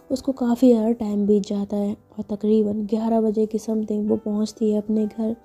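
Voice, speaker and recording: A woman's voice: medium pitch, warm tone. A woman narrating a love story in a chatty way, speaking directly to her listeners.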